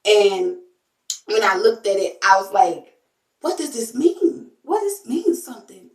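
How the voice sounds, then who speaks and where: A woman's voice: on the high side, big pitch swings, measured pace, roomy sound, far from the mic, poor audio. A woman hosting a spiritual tarot channel, talking casually and emphatically to her viewers, repeating phrases and using everyday slang.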